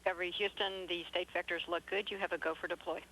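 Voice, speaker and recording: A woman's voice: lowish voice, flat delivery, quick pace, pushed and bright, slight background noise. A woman making clipped mission-control calls to a spacecraft over a distant air-to-ground radio link. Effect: distant air-to-ground radio transmission. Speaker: mission control capsule communicator.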